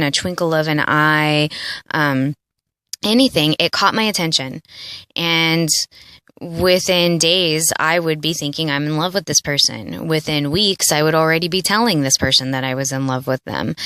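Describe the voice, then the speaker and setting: A woman's voice: low-pitched, a bit bright, no echo, studio quality. A woman in her late thirties giving an earnest, confessional personal monologue for her audio blog, rambling with frequent "like" and "you know". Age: late 30s. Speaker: audio blogger.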